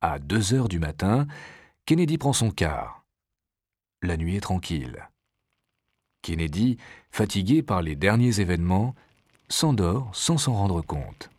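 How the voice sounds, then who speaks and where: A man narrating a storybook adventure in a measured, expressive reading. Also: deep voice, husky, no echo, clean studio sound.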